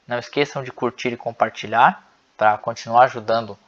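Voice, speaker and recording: A man's voice: medium pitch, fairly even intonation, muffled recording. A man teaching an online language lesson, explaining patiently and often checking in with his viewers. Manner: slow, patient explaining with frequent "né?" and "pessoal".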